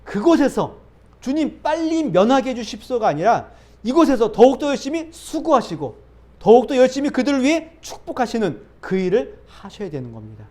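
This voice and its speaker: Pastor, sermon, lively rising and falling pitch, rhetorical questions, repeated emphatic phrases. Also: brisk. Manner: asks rhetorical questions and answers them. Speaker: pastor who planted a church.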